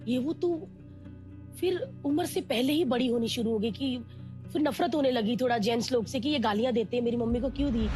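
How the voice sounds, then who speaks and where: A woman guest telling a candid, emotional personal story in a lively way, often acting out what others said to her. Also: a little high. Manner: candid, animated, acts out quoted voices.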